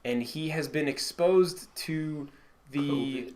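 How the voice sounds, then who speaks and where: A man co-hosting a casual podcast chat, rambling and swearing freely, his sentences often trailing off quietly. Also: fairly high pitch, slow. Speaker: podcast co-host.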